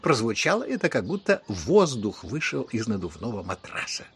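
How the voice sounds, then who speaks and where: Gravelly male storybook narrator. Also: on the low side. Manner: expressive, measured reading. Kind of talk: audiobook storytelling.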